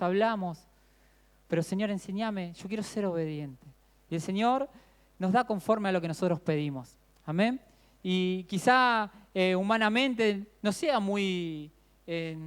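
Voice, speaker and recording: A pastor preaching a sermon in an earnest way, often adding questioning tags and reading scripture aloud slowly. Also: male voice, high voice.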